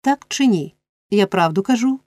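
A woman voicing a frantic, scheming old male fence in an audiobook reading, shrill and insistent. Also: normal speed, dark tone, no echo, close to an everyday voice.

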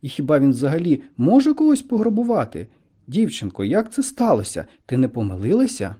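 A man's voice: a little high, wildly swooping pitch, a little fast, dark tone, breathy edge, exaggerated voice. A man voicing an indignant teenage boy who argues urgently and keeps pressing his case. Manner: urgent, arguing.

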